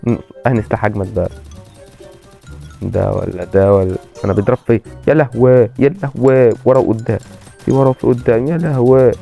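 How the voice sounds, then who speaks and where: A man with an Egyptian accent commentating his own gameplay and repeating excited exclamations. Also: mid-range voice, a little fast, gravelly, soft background music. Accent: Egyptian Arabic. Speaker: gaming channel host.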